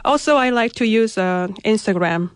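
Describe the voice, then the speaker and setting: A woman from South Korea speaking hesitant, halting English with a Korean accent as a guest in a radio interview. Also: on the high side, smooth, dry recording, clean studio sound. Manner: halting, hesitant non-native English with frequent pauses. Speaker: interview guest, travel blogger.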